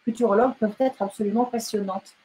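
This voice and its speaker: Woman, novelist being interviewed, higher voice, hesitant, restarts often, faint background noise. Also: fairly even intonation, fast, darkish tone, rough recording. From France and Britain. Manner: hesitant, many fillers and restarts. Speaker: novelist guest. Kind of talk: casual interview talk.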